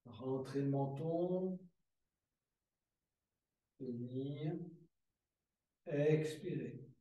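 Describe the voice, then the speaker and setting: A man teaching a guided yoga class, giving calm, slow step-by-step breathing cues with soft repeated words. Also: medium pitch, lo-fi sound. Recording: very echoey room, mic far away.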